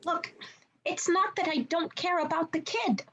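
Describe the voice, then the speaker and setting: During a cast table read of a comedy film script, a woman voices a self-important little male monster sidekick who sounds earnest and wounded. Her pitch is extremely high, steady and unhurried, fairly bright, with a little hiss or hum on the recording.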